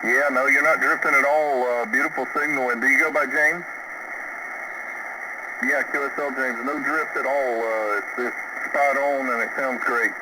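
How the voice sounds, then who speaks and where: A man's voice: mid-range voice, steady tone, normal speed. A man working as a ham radio operator, taking calls over a shortwave radio with an easygoing manner and lots of "uh" fillers, spelling call signs phonetically. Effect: voice heard over a shortwave radio receiver. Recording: noisy, distant shortwave radio reception.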